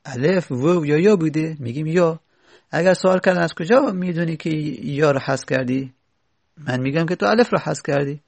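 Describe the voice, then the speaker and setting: A man's voice: on the high side, vocal fry, dry recording. A man teaching an Arabic grammar lesson, patiently repeating each rule and example step by step. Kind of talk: explanatory lesson.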